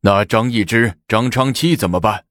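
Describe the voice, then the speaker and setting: A man's voice: lowish voice, moderate pace, dry recording, clean studio sound, lightly acted. A man voicing a stern, indignant chancellor. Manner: forceful, indignant.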